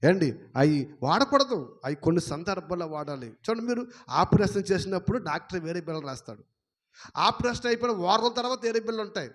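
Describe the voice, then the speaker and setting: Male pastor, high voice, fervent sermon; rhetorical questions, repetition, loud-to-hushed swings. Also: animated, a little fast. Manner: emphatic preaching, repeating phrases, rhetorical questions; swings between loud exclamations and low murmurs.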